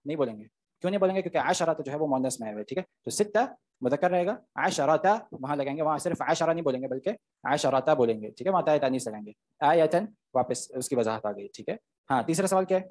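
A man's voice: a little high, a little mellow. A man, teaching Arabic grammar in an online class, explaining step by step and often checking "okay?" with his students.

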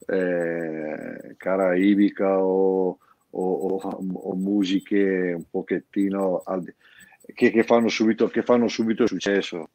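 A man's voice: low-pitched, little pitch movement, slow pace, a little mellow, no room sound. A middle-aged man with a Brescian Italian accent, talking casually as an interview guest, rambling and restarting his sentences often. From Brescia area, northern Italy. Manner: rambling, many restarts and repeated words. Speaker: guest, founder of an artists' collective.

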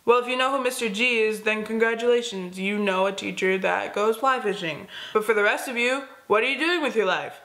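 A woman's voice: medium pitch, brisk, hardly any pauses, fairly bright tone. A teenage girl hosting a school video with sarcastic, teasing scripted narration. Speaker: student video host. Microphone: close camera, plain wall.

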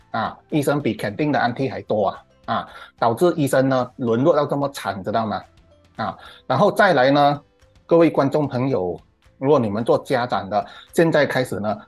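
Middle-aged man, Malaysian Mandarin accent, husky voice, emphatic ranting commentary, faint music underneath. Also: mid-range voice. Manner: emphatic and ranting, drawn-out "ah" particles, English words mixed in. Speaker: current-affairs commentator. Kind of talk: opinionated monologue commentary.

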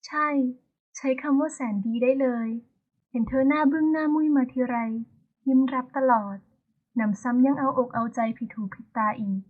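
A woman tells a romance story aloud in a lively narrating voice, slipping into the characters as they speak. Her voice sits a little high. The sound is narrow and thin, like over a phone line. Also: moderate pace. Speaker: audiobook narrator.

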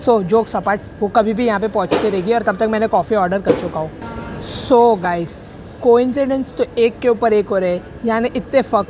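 At a moderate pace, a young man whose voice sits high vlogs casually from a public cafe amid background noise. He speaks into a handheld camera, drifting between topics, joking, and correcting what he's just said.

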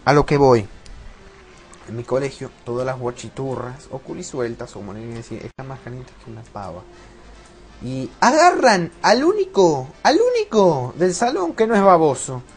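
Teen boy, Rioplatense accent, rambling let's-play chatter, swears a lot, mid-pitched voice. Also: big pitch swings, normal speed, soft background music. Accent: Rioplatense Spanish. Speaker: gameplay commentator. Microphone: loose desk mic that keeps slipping.

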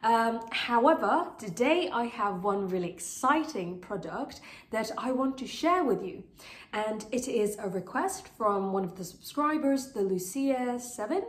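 An earnest plant vlogger with a voice on the high side and lively intonation reviews a product to camera at an unhurried pace. Her voice is still recovering after illness. Chatty and full of fillers, she hosts a houseplant channel and films in a bright, plant-filled living room that sounds roomy and echoey.

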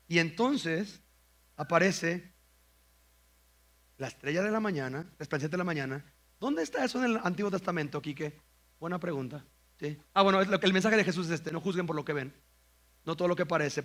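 A man with a Mexican accent preaching a sermon, joking with the congregation and acting out comic prayers in slow, exaggerated voices. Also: on the high side, fairly bright tone. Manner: playful, jokes with the congregation. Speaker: pastor. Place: church auditorium.

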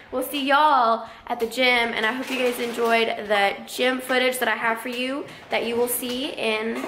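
Young female fitness vlogger, chatty and playful, rather high voice, noisy phone recording. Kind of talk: casual vlog chat. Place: on the move: home, gym, restaurant, warehouse.

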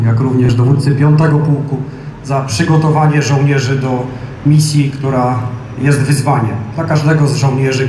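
A man's voice: medium pitch, warm tone. A middle-aged man giving a formal ceremonial speech as a military officer. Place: outdoors under a tent on a square. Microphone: boom microphone at lectern. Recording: echoey outdoor PA, faint noise.

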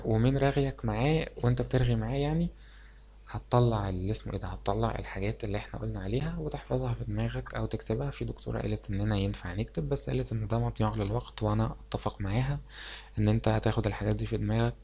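A fairly low-voiced young man with an Egyptian Arabic accent walks students through exam revision. He explains at an easy, conversational pace and drops English medical terms into his Arabic. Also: a little hiss or hum. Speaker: medical lecturer.

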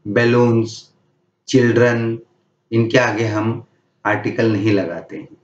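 A man teaching English grammar, reading each rule slowly and then explaining it in Hindi. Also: mid-range voice, fairly even intonation, distant mic. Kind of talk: slow, deliberate grammar lesson. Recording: echoey room, dull lo-fi sound.

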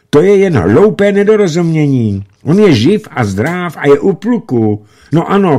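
A man reading the part of an excitable young officer who shouts eagerly into a telephone. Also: on the low side.

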